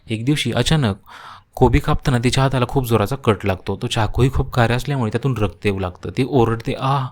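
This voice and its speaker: Male narrator for a cartoon story, steady and storytelling. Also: mid-range voice.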